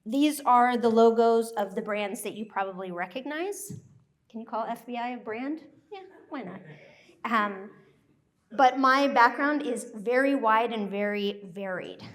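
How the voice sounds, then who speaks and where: An American woman who grew up in Thailand, giving a joyful, animated live presentation to a workshop group. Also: on the high side, unhurried. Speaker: workshop speaker.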